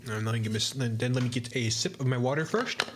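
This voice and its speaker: A man's voice: medium pitch, quick pace, background noise. A man chatting casually while playing a visual novel and reading its narration aloud in an easygoing way. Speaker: streamer.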